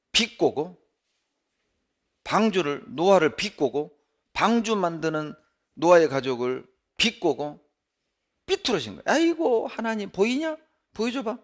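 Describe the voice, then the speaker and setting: Lively, animated male pastor preaching. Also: on the high side. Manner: animated, emphatic preaching with sharp rises and drops. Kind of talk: sermon. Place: church.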